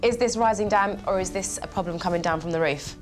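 A woman with a British accent co-hosting a renovation show, advising a homeowner in a brisk, encouraging way. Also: mid-range voice, faint music behind. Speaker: property show co-host.

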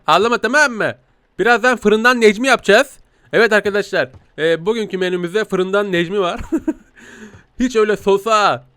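A man gives teasing, giggly commentary as he plays a game, speaking as a cat. His voice sits high for a man and sounds close and dry. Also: a bit bright, clean tone, dry recording. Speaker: gaming YouTuber playing a talking cat.

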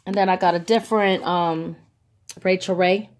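A woman's voice: fairly low pitch, steady tone, normal speed, darkish tone, a little hiss or hum. A woman casually showing off her bargain finds on camera, chatty and gushing, with lots of ums, recorded on a handheld phone. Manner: chatty, enthusiastic, many ums. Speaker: vlogger. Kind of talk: casual haul video. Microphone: phone held by the speaker, off camera.

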